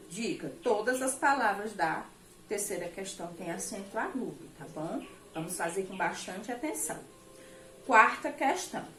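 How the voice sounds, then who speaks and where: A Brazilian woman teaching a recorded children's lesson. She talks warmly to her pupils and checks their understanding often. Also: mid-range voice. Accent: Brazilian Portuguese. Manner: affectionate, checks in with "tá certo?" often. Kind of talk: remote class lesson for children. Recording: echoey room, faint background noise.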